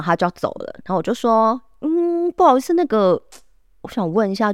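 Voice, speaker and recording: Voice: mid-range voice, clean tone, no room sound, studio quality. Chatty Taiwanese Mandarin podcast storyteller. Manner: animated storyteller, laughs often, many "then" restarts; quotes others in acted voices. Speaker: podcast co-host. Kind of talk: casual storytelling chat.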